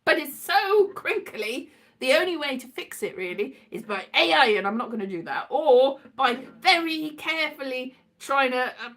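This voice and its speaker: A woman with a high-sitting, slightly bright voice rambles casually in a very animated way at a moderate pace. Playful and scatty, she drifts onto tangents, repeats her words and acts out quotes in put-on voices.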